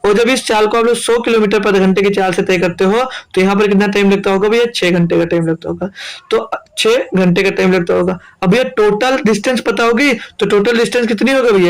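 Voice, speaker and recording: A young man from India teaching an exam-prep maths lesson, repeating steps and answering his own questions. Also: high voice.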